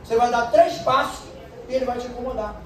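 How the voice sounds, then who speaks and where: A woman preacher, delivering an animated sermon full of storytelling and bursts of shouting. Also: a little high, quick pace. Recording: echoey distant room sound with faint noise.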